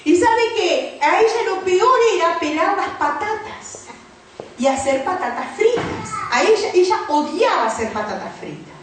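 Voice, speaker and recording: A woman's voice: very high-pitched, very animated, a little slow, slight background noise. A woman pastor preaching a sermon, telling stories and acting out the voices of the people in them. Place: church hall. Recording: echoey church hall from far off.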